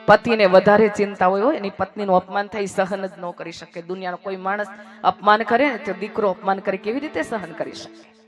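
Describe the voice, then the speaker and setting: A woman telling a devotional story as a katha storyteller, with a dramatic manner that swings from hushed to loud. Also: mid-range voice, fairly quick, lo-fi sound, faint music behind.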